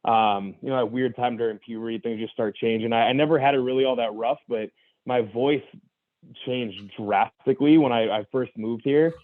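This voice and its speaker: Speaking at a moderate pace in a steady, mid-range voice, a young man guest tells his story with candor. The sound has no room noise but is tinny, like a phone call. He comes across as earnest and introspective, repeatedly restarting sentences and dropping "you know."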